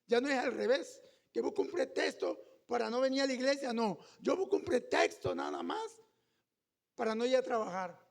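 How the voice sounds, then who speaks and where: A man preaching a fervent sermon, at times shouting and calling the listeners brother. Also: very high-pitched, expressive, moderate pace, creaky. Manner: intimate, addresses listeners as brother. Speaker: pastor.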